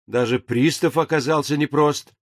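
A man narrating an audiobook in a measured, even storytelling manner. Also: a little high, dry recording. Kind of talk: scripted narration. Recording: dry booth recording.

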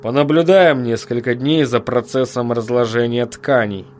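A man's voice: mid-range voice, steady tone, moderate pace, a little mellow, a little hiss or hum, natural voice. Curt, detached sorcerer a man voices. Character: cool, dry adult male sorcerer.

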